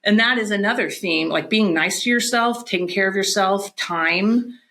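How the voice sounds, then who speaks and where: A middle-aged woman, a podcast guest, chatting casually and telling animated stories, often restarting her sentences. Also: mid-range voice, moderate pace. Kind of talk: casual chat.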